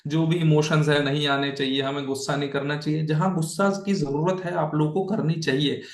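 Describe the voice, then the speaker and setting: Gravelly, echoey man teaching. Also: on the high side, steady tone, brisk. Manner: conversational, checks in often with the listeners; mixes English phrases into his talk. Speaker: Bhagavad Gita teacher. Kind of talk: casual online lesson.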